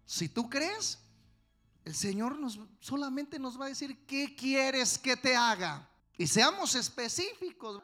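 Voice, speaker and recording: A male pastor with a very high voice preaches a passionate sermon, swinging from quiet stretches to sudden loud outbursts.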